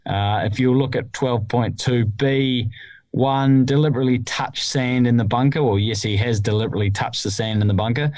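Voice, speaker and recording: A New Zealand podcast co-host explains rules in a casual chat, hesitating and thinking aloud with plenty of fillers. His mid-range voice is darkish and at normal speed. Recorded via remote call in a small, cold hut at home, the audio is poor but echo-free.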